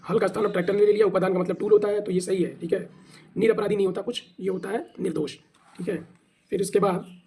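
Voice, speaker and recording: Husky, high-voiced man teaching exam Hindi. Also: mellow. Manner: explains by asking and answering his own questions; spells words out letter by letter. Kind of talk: exam practice class.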